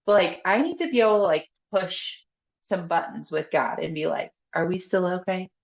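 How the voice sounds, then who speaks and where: A woman's voice: on the low side, lively intonation, normal speed, vocal fry. Chatty woman in an echoey room. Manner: chatty, candid, laughs often, leans on "like". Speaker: podcast guest, faith coach. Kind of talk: casual conversational interview. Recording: echoey, slightly dull podcast audio.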